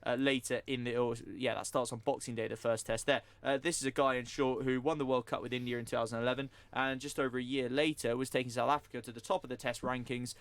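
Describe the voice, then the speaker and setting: A male sports radio presenter rattles through a news story quickly and fluently before arguing his own view. His middle-pitched voice shows little pitch movement and is captured close and dry in a studio with no echo.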